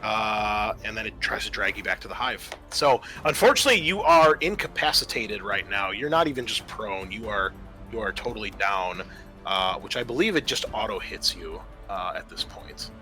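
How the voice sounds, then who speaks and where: A man serving as game master improvises narration for a horror tabletop roleplaying game, mixing storytelling with rules talk and dry asides. His lowish voice is expressive and sharp-toned at a normal speed, with background music playing.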